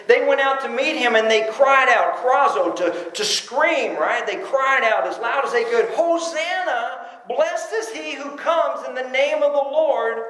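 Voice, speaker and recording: A man preaching a sermon in a church, with a high, light voice that rings around a roomy, echoey space. He delivers it with animated energy, sinking low for emphasis and acting out the cries of the crowd. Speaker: pastor.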